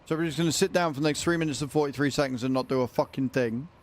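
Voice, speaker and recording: A man's voice: medium pitch, rapid-fire. A man livestreaming a video game, chatting casually and informally with his viewers. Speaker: livestreamer, gamer.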